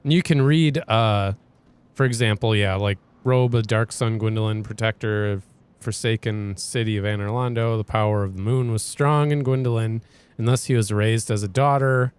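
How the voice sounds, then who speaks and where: A man's voice: fairly low pitch, fairly even intonation, moderate pace, clean tone. A man hosting a let's play, giving casual gameplay commentary in a rambling, hesitant way with frequent restarts.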